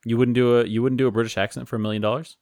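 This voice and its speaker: A man hosting a podcast who asks dry, deadpan questions while playing a talent agent. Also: mid-range voice, very fast, no room sound. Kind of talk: casual podcast banter.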